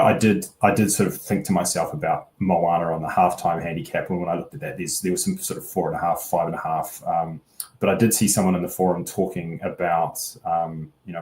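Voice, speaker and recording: With a low, slightly mellow voice, a man gives casual rugby betting analysis as a pundit. His delivery is hesitant and rambling, full of hedges that loop around every point, and the room he's in is echoey.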